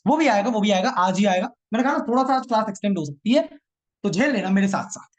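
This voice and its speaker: A man teaching a live online programming class, teasing his students and repeating each line twice. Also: sits high.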